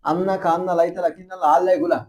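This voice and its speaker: A man's voice: high voice, fairly even intonation, rapid-fire, darkish tone. A man teaching a madrasa grammar lesson, quizzing his students with constant rhetorical questions. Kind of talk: classroom Arabic grammar lesson.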